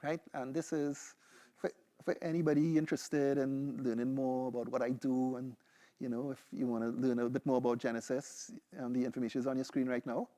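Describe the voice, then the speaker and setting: A young man with a Trinidadian accent, a PhD candidate, runs through a seminar talk with a live demo in a dark, mid-range voice. He speaks fairly quickly with a level tone, keeping things loose and conversational and often asking "right?" or saying "you know".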